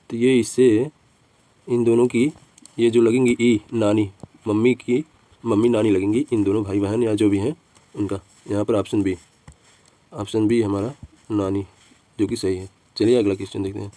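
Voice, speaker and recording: A man's voice: on the low side, dark tone, dry recording. A man with a Hindi accent teaching an exam reasoning lesson, talking through each step and repeating it, and calling his viewers friends.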